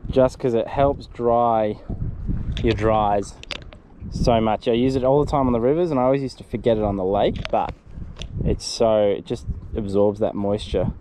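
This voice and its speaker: A man's voice: lowish voice, moderate pace. A young man chatting casually as he fly-fishes from a small boat outdoors, explaining his gear and tactics. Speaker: fishing video host. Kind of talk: casual fishing vlog commentary. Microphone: action camera mic. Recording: loud wind noise on the mic.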